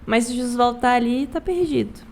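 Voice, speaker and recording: A woman's voice: fairly high pitch, brisk, darkish tone. A young adult woman from Rondônia sharing an emphatic personal faith testimony as a guest, repeating phrases for stress. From Rondônia, Brazil. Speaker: guest, youth church leader.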